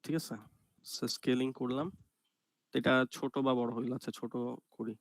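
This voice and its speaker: A man with a mid-range voice gives an online computer graphics lecture, explaining step by step and often checking in with students by asking "ঠিক আছে?" His delivery is flat and deliberately soft and slow, and the recording is dry.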